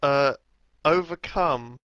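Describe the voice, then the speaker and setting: Male podcast co-host, bright voice, dry close sound, playful and giddy. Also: mid-range voice, takes it slowly, no echo, highs cut off. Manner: giddy, playful, bursts into laughter. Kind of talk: casual podcast banter.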